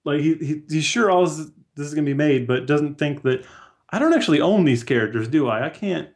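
A comics artist in his thirties is chatting as a guest on a casual video call, heard through headphones in a small home or office room. He talks a little fast, with an expressive voice on the higher side.

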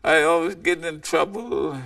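A man's voice: a little high, unhurried, creaky, pushed and bright, distant mic, heavily acted. A man voicing a hungry, unhappy male coyote who keeps wishing to be something else, in a plaintive tone.

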